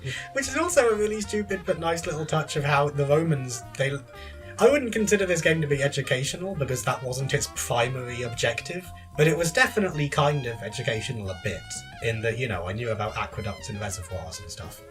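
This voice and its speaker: A man's voice: medium pitch, lively intonation, fairly quick, fairly bright tone, faint music behind. A man co-hosting a podcast in casual chat about video games, chatty and laughing often between sentences. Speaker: podcast co-host.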